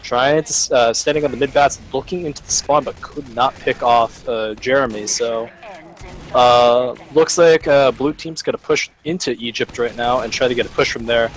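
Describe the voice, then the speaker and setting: A man giving analytical play-by-play commentary on a live esports match, pausing often on "uh". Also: medium pitch, poor audio. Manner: analytical, hesitant, many fillers. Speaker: esports caster.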